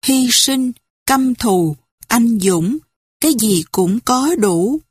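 A woman voicing a young male fighter who speaks gently and reassuringly. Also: a little high, lively intonation, slow, husky, dry recording, clean studio sound, exaggerated voice. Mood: earnest.

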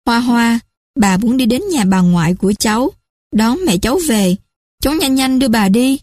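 A woman's voice: fairly high pitch, normal speed, a little mellow, dry recording, clean studio sound, pitched above the performer's own voice, lightly acted. A woman doing a remorseful old grandmother. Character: elderly grandmother, remorseful and anxious.

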